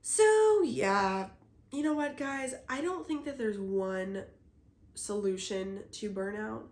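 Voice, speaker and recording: A young woman hosting a solo podcast, musing casually in a hoarse, husky voice, with lots of "like" fillers. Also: mid-range voice, lively intonation, takes it slowly, darkish tone. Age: young adult. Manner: reflective, rambling, many "like" fillers. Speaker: podcast host. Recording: roomy echo.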